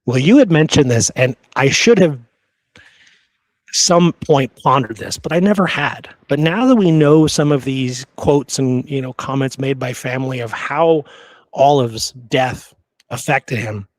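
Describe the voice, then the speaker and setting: A man hosts a history podcast conversationally, speaking earnestly and repeating phrases for emphasis. He's close on the microphone. His voice is mid-range and unhurried, and the recording is dry.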